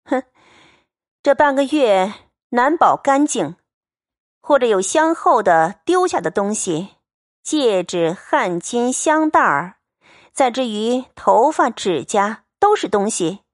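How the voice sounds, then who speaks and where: A shrewd noblewoman, as a woman reader puts her on, mocks in a cold, commanding tone that rises high and sharp. Dry, close storybook sound. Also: big pitch swings, takes it slowly, no room sound. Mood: sarcastic. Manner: sarcastic, commanding. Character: shrewd domineering young noblewoman, coldly mocking.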